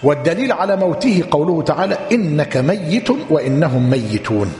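Male religious teacher, slightly high voice, long hall reverb, repeats and quizzes. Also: lively intonation, a little mellow, slight background noise. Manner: repeats points slowly, quizzes listeners. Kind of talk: lecture explaining a text. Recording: echoey hall.

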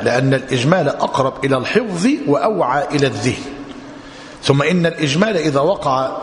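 A man giving an explanatory religious lesson in a measured way, pausing to dictate notes to his students. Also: medium pitch. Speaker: religious teacher. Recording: echoey hall with long reverb, faint noise.

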